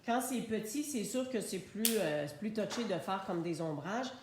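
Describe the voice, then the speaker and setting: A craft demonstrator with a Québécois French accent chats unhurriedly through a live stamping and coloring tutorial, describing each step as she works. Her voice is medium-pitched and expressive at a normal speed, and the room is very echoey with faint noise.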